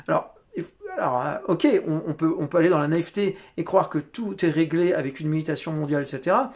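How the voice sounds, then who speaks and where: A man giving a spiritual teaching talk, halting often with repeated words and fillers. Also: on the high side, darkish tone.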